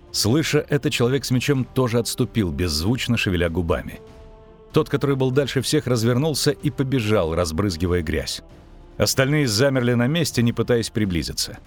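Low-voiced man narrating an audiobook.

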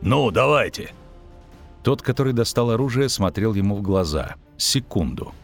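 A man narrating a fantasy audiobook in a measured, dramatic reading. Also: fairly low pitch, expressive, soft background music.

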